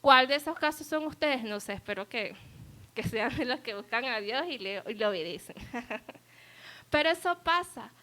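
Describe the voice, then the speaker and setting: A woman's voice: on the high side, expressive, moderate pace, pushed and bright. A woman preaching a sermon at a church service, earnest and asking the congregation rhetorical questions.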